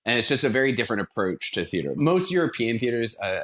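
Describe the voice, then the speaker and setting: Fast-talking and a bit bright, this medium-pitched American swings his pitch widely while giving earnest, conversational interview answers. He's a theater company founder from Washington, D.C., appearing as a guest and repeating words for emphasis.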